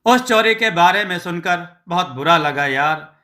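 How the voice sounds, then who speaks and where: A hearty, easygoing village neighbor man, friendly and sympathetic, as a male narrator puts him on. He speaks slowly in a bright, slightly high voice. He suits a storybook tale. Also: animated, heavily acted.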